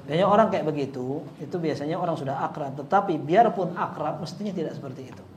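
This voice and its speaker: A man teaching an Islamic study lecture in a relaxed way, with light humor and lively acted-out quotes. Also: on the high side, fast talker, slight background noise. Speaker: religious teacher. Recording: roomy echo, faint ambience.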